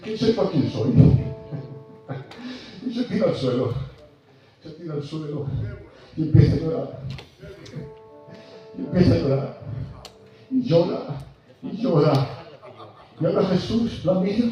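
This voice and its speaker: A man preaches in a fairly high voice, moving from near-shouting to a hush. His voice comes from some distance and rings through a very reverberant church hall. Faint music plays under him. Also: animated, unhurried, pauses often, lo-fi sound. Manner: impassioned, swinging from loud to soft. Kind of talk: sermon. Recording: very echoey hall from far off.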